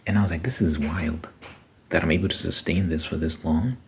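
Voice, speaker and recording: A man's voice: low-pitched, steady tone, brisk. A man giving a casual, reflective personal monologue, thinking aloud in short phrases as a vlogger. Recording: noticeable background noise.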